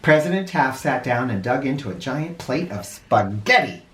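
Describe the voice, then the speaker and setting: A man, acting as host, reads a children's storybook aloud with theatrical, playful flair, adding asides to the animated narration. His mid-range voice is very animated and a bit bright at normal speed, with a roomy echo.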